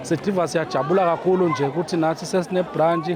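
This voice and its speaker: A man's voice: a little high, steady tone, quick pace. A man giving spontaneous remarks as an interviewed attendee. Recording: loud crowd outdoors.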